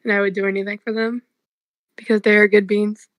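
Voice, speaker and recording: A woman speaking on a video call, groggy from just waking up, low-key and mumbling as a convention staff head. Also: flat delivery, a little fast, no room sound. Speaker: artist alley staff head. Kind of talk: casual online call chat.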